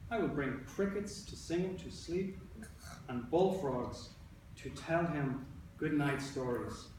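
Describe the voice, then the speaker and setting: Higher-voiced male teacher in an echoey room. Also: lively intonation, slow pace. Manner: instructive, repeats and rephrases, questions listeners. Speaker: elementary school teacher. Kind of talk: interactive read-aloud to a class of young children. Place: indoor classroom. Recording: roomy, echoey, distant mic with background noise.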